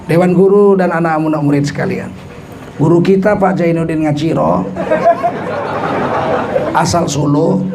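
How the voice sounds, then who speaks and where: A composed, formal school headmaster, as a preacher puts him on, speaking slowly and deliberately. His voice sits high. The recording is noisy. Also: a loud crowd, close to an everyday voice. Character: male school headmaster, calm and reassuring.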